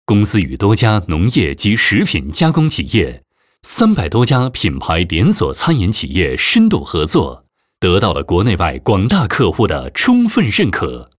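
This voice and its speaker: A man reading a scripted corporate promotional voice-over in a formal, steady announcer manner. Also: on the low side, normal speed, no room sound, clean studio sound. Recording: voice-over with background music.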